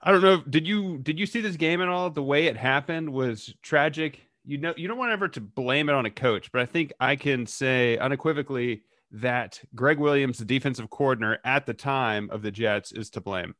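A man hosting a casual sports chat, relaxed and joking, telling his own football stories. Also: medium pitch, fairly quick, hardly any pauses, no echo, clean studio sound. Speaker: host.

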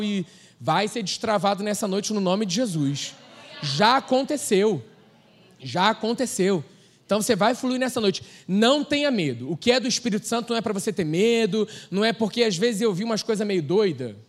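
A man with a Brazilian Portuguese accent preaching a sermon in a relaxed, slangy way, telling stories and laughing. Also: high voice, a little fast. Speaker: pastor.

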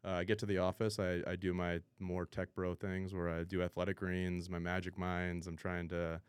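A man's voice: low voice, flat delivery, moderate pace, clean tone, dry recording. A man answering casually as an interview guest, a company founder talking in informal business speak.

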